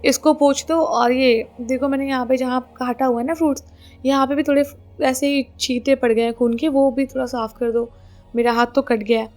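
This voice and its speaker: A woman's voice: high-pitched, moderate pace, faint music behind, lightly acted. A woman voicing a tired, easygoing young husband and father who talks casually and coaxes his wife into doing the chores. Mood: worried. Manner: relaxed, coaxing, dodges chores.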